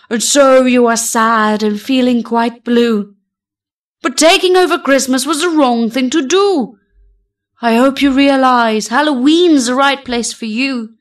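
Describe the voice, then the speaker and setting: A woman voicing a kindly, grand old Santa Claus who lectures gently and emphatically in a storybook poem. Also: high-pitched. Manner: measured, emphatic, benevolent lecturing.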